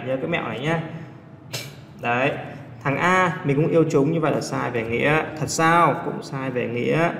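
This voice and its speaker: Male teacher, somewhat high, gravelly voice, explaining test answers in an echoey room with faint noise. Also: a bit bright. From Vietnam. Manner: explains step by step, asks students quick check questions. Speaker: English teacher. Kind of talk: exam answer walkthrough.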